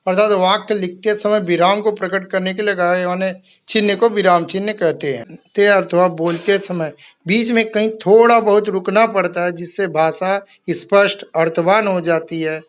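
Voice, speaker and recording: A man's voice: sits high, steady tone, moderate pace, a bit bright. A man teaching a Hindi grammar lesson to schoolchildren, explaining step by step and reading out example sentences. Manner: addresses pupils kindly as "my children".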